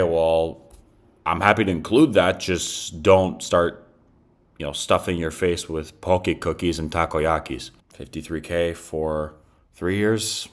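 A man giving casual, wry commentary on a hockey management game, talking to his players as he goes. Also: low-pitched. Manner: chatty, wry, talks to the players on screen. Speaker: gaming commentator.

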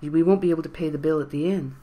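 A storyteller voicing a calm, wary young man who mutters low and reasons steadily. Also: fast, natural voice. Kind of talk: audiobook character voice.

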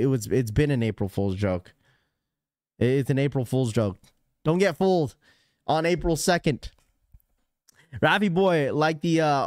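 In casual livestream chat about sneakers, a young man speaks at medium pitch on a dry recording. He sits in a small indoor room with blue lighting, close to a studio mic on a boom arm, joking loosely, laughing a lot, and mimicking voices.

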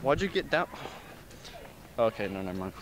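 A man's voice: on the low side, sing-song, moderate pace. A teenage man co-hosting a casual street segment, bantering into a handheld microphone. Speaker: co-host and contestant. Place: school grounds and busy cafeteria. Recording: loud music behind, handheld mic outdoors and indoors.

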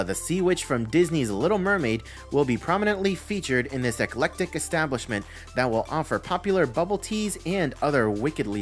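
A channel host reading a news breakdown over slides, listing items with rising emphasis. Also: mid-range voice. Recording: faint background music.

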